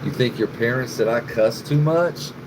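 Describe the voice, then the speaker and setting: A middle-aged man with a medium-pitched voice hosts a casual livestream at a normal pace, rambling, cursing freely, and answering chat viewers by name. Background noise is noticeable, including an air conditioning hum.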